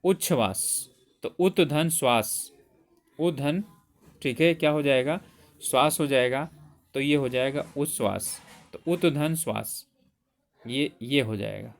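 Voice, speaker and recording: A man's voice: medium pitch, takes it slowly, vocal fry. A man teaching for an exam, who explains step by step and asks and answers his own questions. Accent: Hindi. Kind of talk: exam prep lecture.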